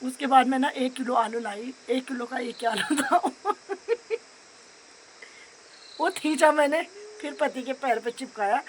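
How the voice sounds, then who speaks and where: Her voice fairly high, a young woman from the hill country of north India casually vlogs her daily routine at home, inside and out in the sun, laughing often as she talks. The recording is low quality with slight background noise.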